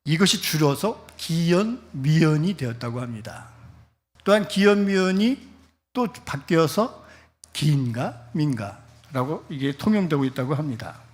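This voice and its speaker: A man's voice: fairly high pitch, big pitch swings, a little slow. A middle-aged male pastor preaching a Sunday sermon at a church service. He talks in a chatty way and puts questions to the congregation. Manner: leads the congregation in reading scripture aloud.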